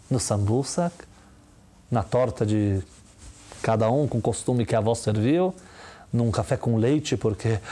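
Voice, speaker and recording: A man with a Brazilian Portuguese accent giving a lively religious talk, full of rhetorical questions and quick mimicry. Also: mid-range voice. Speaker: religious teacher. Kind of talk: lively sermon-style talk.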